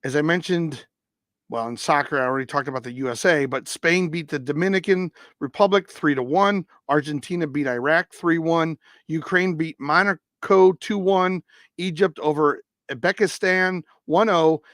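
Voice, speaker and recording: A man hosting a live-stream sports results roundup, reading scores haltingly and stumbling over foreign names. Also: a little high, a bit bright, no echo, studio quality.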